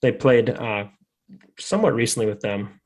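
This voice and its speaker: Hosting a podcast from Fargo, North Dakota, this man has a medium-pitched, sing-song voice and talks at normal speed. He chats casually, drifting from topic to topic in a jokey, easygoing way.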